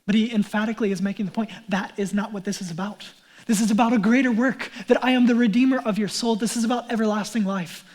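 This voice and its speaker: Male pastor, fairly high voice, conversational sermon delivery that falls to near-whispers on key points. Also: fairly even intonation, fast talker. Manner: earnest, conversational, drops to a hush for emphasis; casual asides with fillers like "like".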